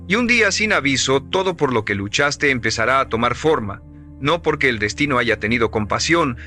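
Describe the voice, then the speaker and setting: A man delivers scripted motivational narration with an emphatic, measured, preacher-like cadence. His mid-range voice is bright and forceful.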